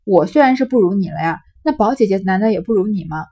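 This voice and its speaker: Husky woman explaining a classic novel. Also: mid-range voice, lively intonation, fast, warm tone. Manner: explanatory, conversational, with fillers. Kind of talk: reading aloud and retelling a classic novel.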